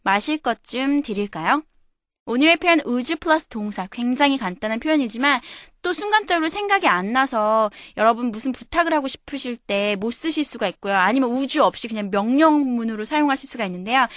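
A woman hosting a radio English lesson, explaining patiently and saying example phrases slowly. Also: fairly high pitch, expressive, fairly bright tone, no room sound, clean studio sound. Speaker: English teacher and radio host. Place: radio studio.

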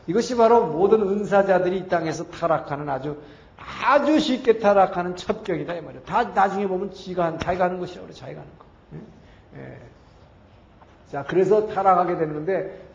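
A man with a high voice delivers an animated Bible lecture, firing rhetorical questions at his listeners and acting out quoted lines. The recording sounds roomy and somewhat dull and lo-fi. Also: creaky, a little hiss or hum.

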